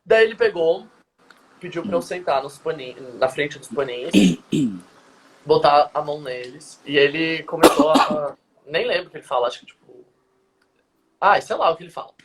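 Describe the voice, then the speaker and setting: A man's voice: fairly high pitch, normal speed. A young man, a dance teacher, telling a personal story in a casual live stream over a video call and acting out the dialogue. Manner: animated, quotes dialogue vividly.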